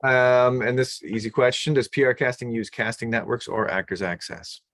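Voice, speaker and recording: A man hosting an interview over a video call, relaxed, often repeating short acknowledgements. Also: mid-range voice, moderate pace, no echo. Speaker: interview host. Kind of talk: conversational interview. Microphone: video call mic.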